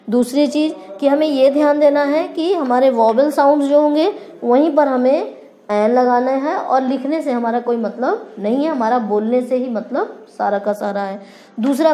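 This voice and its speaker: A woman's voice: sits high, dark tone, slight background noise. A woman with an Indian accent teaching English grammar in Hindi, asking questions and answering them herself. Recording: echoey room with faint ambience.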